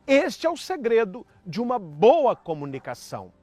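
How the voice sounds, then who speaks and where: A priest delivers an emphatic, teacherly talk on marriage. His voice is high and very lively in pitch. Faint music plays underneath. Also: moderate pace, dry recording.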